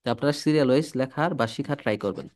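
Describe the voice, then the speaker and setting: A man's voice: medium pitch, darkish tone. A man from Bangladesh, teaching a language lesson, repeating words and quizzing the listener. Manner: drills syllables slowly for practice. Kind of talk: classroom-style lesson.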